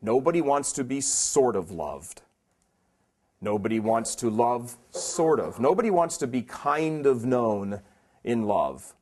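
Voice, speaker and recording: A man's voice: mid-range voice, big pitch swings, slow, a little mellow. A man delivers a preaching talk at a conference in an ordinary mid-range voice. He is emphatic and plainspoken. He keeps driving his points home with rhetorical questions. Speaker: conference speaker.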